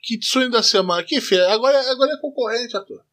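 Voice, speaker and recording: A man's voice: extremely high pitch, fast, a bit bright. A Brazilian man with a smoker's voice chatting casually and slangily as a podcast co-host. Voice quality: smoky smoker's voice.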